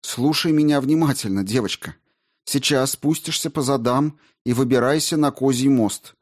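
A man voicing a resolute aunt who speaks firmly yet gently and with urgency. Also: medium pitch, lively intonation, unhurried, voice pushed up, natural voice. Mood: urgent. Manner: urgent, firm and gentle at once. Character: middle-aged aunt, resolute yet tender woman.

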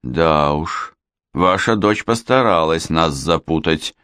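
Casting note: male reader as a stern, official police major, low voice with lively pitch, dry. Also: unhurried, no echo, exaggerated voice. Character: stern police major, middle-aged man.

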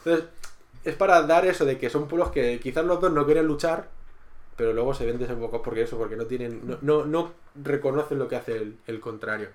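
A man in a relaxed podcast conversation with a voice of ordinary pitch. He rambles, restarts sentences and repeats words as he works out his point. He now and then acts out lines from a show. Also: a little fast. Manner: acts out characters' lines in quotes. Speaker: podcast co-host reviewing a TV series. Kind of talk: casual chat.

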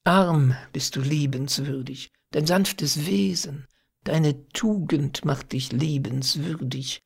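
A man voicing a grieving young shepherdess who pleads through tears, in a husky, gravelly voice. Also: on the high side, slow, heavily acted. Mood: pleading. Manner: tearful, pleading.

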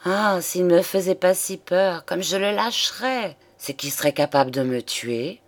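A woman's voice: lowish voice, moderate pace, lightly acted. Juliette, a wilful young mistress, voiced by a woman. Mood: scornful. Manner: coaxing, then sharp and threatening.

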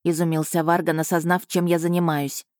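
A woman reading an audiobook in the first person, in a measured and even storytelling voice. Her pitch sits a little low, and the recording is dry and close. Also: no room sound. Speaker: audiobook narrator.

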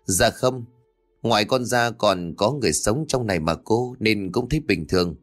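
A man's voice: on the low side, lively intonation, normal speed, a bit bright, soft background music. A man voicing a young male tenant who answers politely and sounds puzzled.

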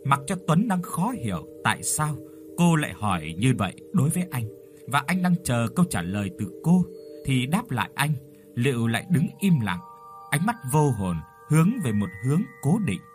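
A man narrating a ghost story in an expressive, dramatic storytelling manner. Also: medium pitch, normal speed, soft background music. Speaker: audiobook narrator.

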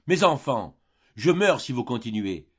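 A man reading an audiobook voices an older father, pleading and heartbroken, his voice loud and imploring in a dull, muffled recording. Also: on the low side, big pitch swings, measured pace, slightly rough, full character voice. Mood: anguished.

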